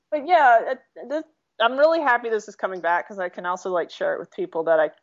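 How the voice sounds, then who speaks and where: A woman chatting casually on a podcast, excitable, laughing often and swearing freely. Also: mid-range voice, fairly quick, lo-fi sound. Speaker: podcast guest.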